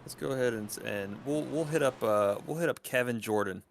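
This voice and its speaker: A man calling play-by-play for a live sim race broadcast, energetic and quick. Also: mid-range voice, creaky, slight background noise. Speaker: play-by-play commentator. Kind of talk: live sim racing commentary.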